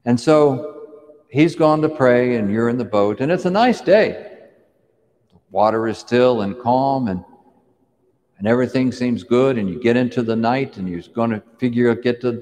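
A man's voice: mid-range voice, expressive, normal speed, darkish tone. Man preaching a vivid story, echoing hall. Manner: vivid second-person retelling, drawing the listener into the scene. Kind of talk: dramatic sermon storytelling.

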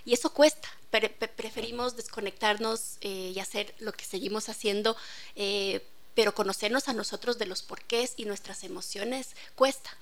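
A woman's voice: medium pitch, steady tone, moderate pace. A woman, a guest expert on child feeding, speaking earnestly and reflectively. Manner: earnest, reflective, frequent affirming murmurs. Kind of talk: casual radio talk.

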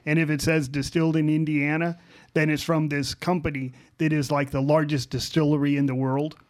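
Male podcast host, slightly high voice, wry, explanatory, casual chat. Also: flat delivery, a little fast.

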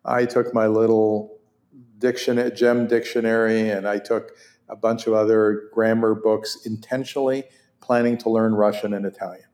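This man's fairly low voice moves at normal speed and echoes in a reverberant room. He's an orthopedic surgeon in his sixties, a native Hebrew speaker, telling stories as an interview guest in an animated way, laughing often and restarting many times.

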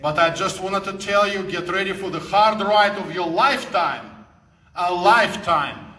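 A man with a Russian accent delivers an impassioned, sermon-like speech, hammering his points home through repetition. His voice is high and bright, cutting and forceful. It rings out through a meeting hall with a long, echoing reverb. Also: moderate pace. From Soviet Union. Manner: fervent, preaching, repeats phrases for emphasis. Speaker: guest speaker. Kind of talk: impassioned speech to a live audience.

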